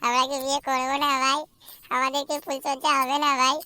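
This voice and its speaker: A woman voicing young cartoon man, high bright voice, rapid whiny chatter, swearing, flat tone. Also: no room sound. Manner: fast complaining chatter, full of swearing. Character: young unmarried man, whiny and crude-talking. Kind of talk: cartoon voice acting.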